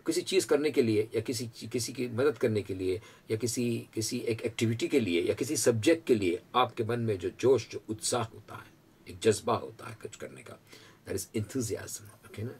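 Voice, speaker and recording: A man with an Indian accent teaching a spoken-English lesson, repeating words slowly for drilling and chuckling often. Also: medium pitch, animated, a little mellow, breathy edge.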